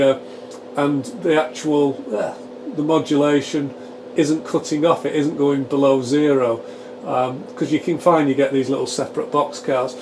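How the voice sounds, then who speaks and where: A medium-pitched man, host of a radio repair channel, narrates an informal technical demo live from a small home electronics workshop. He thinks out loud and explains things step by step, while cooling fans on his test gear keep up a steady hum.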